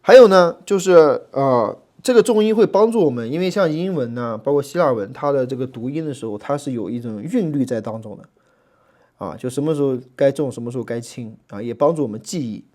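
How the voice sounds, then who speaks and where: A man gives a relaxed Greek lesson in a warm, darker voice at a middling pitch. He talks in a chatty way, full of little fillers, and drags out letters and syllables when he spells them for his students. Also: fairly quick. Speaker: Greek language teacher. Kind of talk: relaxed classroom lecture.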